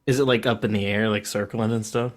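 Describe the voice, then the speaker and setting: Casual low-voiced man playing a tabletop game. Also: fairly even intonation, quick pace. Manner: casual, many fillers like "like". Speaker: player.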